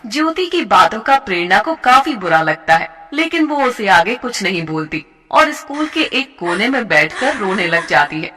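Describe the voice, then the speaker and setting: A woman narrating a children's moral story in a plain, steady storybook way. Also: medium pitch, normal speed, hardly any pauses, long reverb tail, faint music behind.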